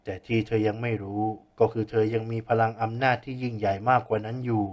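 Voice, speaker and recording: A man voicing a kindly, patient older teacher who explains things gently in an audiobook story. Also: lowish voice, little pitch movement, quick pace, highs cut off, lightly acted. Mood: explaining.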